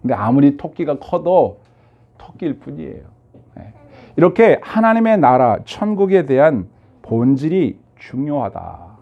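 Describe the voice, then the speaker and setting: A man's voice: a little high, big pitch swings, unhurried, gravelly. A male pastor preaching a sermon, telling stories with rhetorical questions and frequent fillers, on a dull lo-fi recording.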